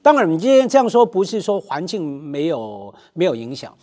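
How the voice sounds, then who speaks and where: A male guest on a roundtable talk show, his voice sitting a little high and moving expressively. He talks casually and reflectively, carefully qualifying what he says. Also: very animated, brisk, dark tone.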